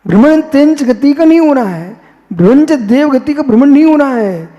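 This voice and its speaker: A man, a Jain monk, giving a philosophical sermon, posing questions and answering them himself, repeating phrases slowly. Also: very high voice, lively intonation, mellow, in a large hall, dull audio.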